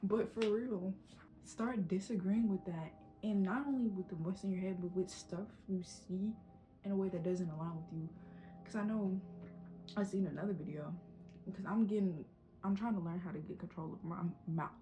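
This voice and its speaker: A woman's voice: medium pitch, moderate pace, mellow, poor audio. A young woman giving a casual, encouraging pep talk in a vlog, with a runny nose. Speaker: vlogger.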